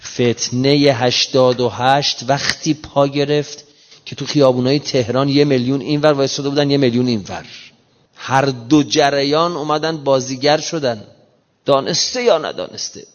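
Man preaching in an echoey hall. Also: mid-range voice. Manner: emphatic, quotes scripture in slow measured recitation; colloquial, explains modern slang. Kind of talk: sermon. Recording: muffled reverberant hall recording.

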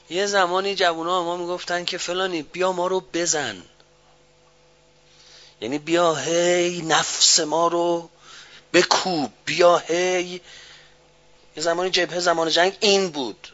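A man preaching a sermon, dropping low and slow, then rising to loud, high-pitched shouting. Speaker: cleric preacher. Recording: dull, muffled recording.

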